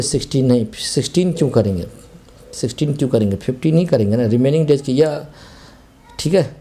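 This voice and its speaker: A man's voice: on the high side, a little mellow, a little hiss or hum. A man teaching an online exam-prep lesson in a chatty, conversational way, mixing English words into his Hindi and repeating tag phrases.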